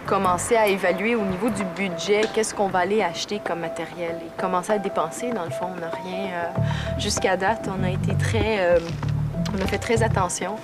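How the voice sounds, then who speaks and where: A woman's voice: mid-range voice, fairly even intonation, normal speed, over loud music. A woman with a Québécois French accent, talking through plans hesitantly with many fillers. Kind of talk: casual planning chat.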